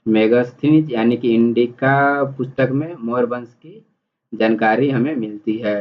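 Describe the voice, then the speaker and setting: This exam-prep teacher, a man with a mid-range voice, speaks at a measured pace as he goes through multiple-choice questions. His explanations of the answers are instructional and repetitive, and the recording sounds dull, muffled and lo-fi.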